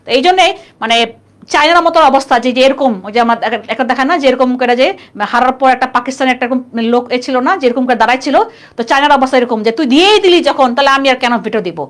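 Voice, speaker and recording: A woman's voice: high voice, racing. A young woman teaching a live online class, chatty and constantly checking in with students. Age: young adult. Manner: chatty, quizzing students with "clear?". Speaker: admission test tutor.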